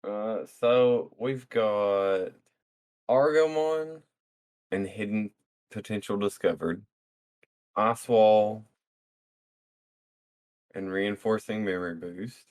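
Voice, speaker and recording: Laid-back guy, lowish voice, slow talker, reading questions off a live. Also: darkish tone. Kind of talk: casual card game chat.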